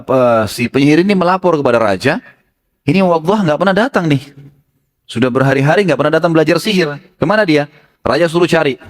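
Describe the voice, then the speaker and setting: A man, an Islamic preacher, telling a story in a sermon, animated and mixing in Arabic phrases. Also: medium pitch.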